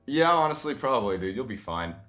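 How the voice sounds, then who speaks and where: A man's voice: mid-range voice, sing-song, fast, fairly bright tone, faint music behind. A tipsy man in his twenties, getting drunker, bantering casually and boisterously with lots of swearing. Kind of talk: casual banter, taste-test vlog. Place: small room, indoors. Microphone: camera a few feet away.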